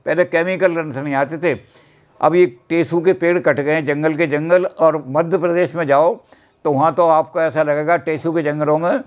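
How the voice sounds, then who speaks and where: Smooth-voiced man explaining folk songs. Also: a little high, steady tone. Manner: quick, flowing explanations. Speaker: guest folk music expert.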